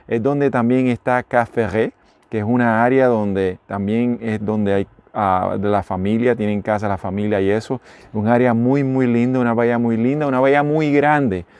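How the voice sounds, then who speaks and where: A little mellow and clean in tone, this mid-range male voice belongs to a middle-aged Puerto Rican vlogger with a Puerto Rican accent. He chats casually to his phone camera at arm's length inside the small room of a motorhome, rambling and correcting himself.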